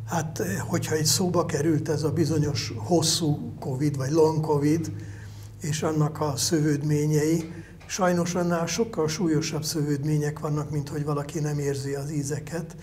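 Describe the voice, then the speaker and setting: An older man answering interview questions as a virologist, in a measured, explanatory way with pauses to find his words. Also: fairly high pitch, level tone, darkish tone, a little hiss or hum. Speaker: virologist guest.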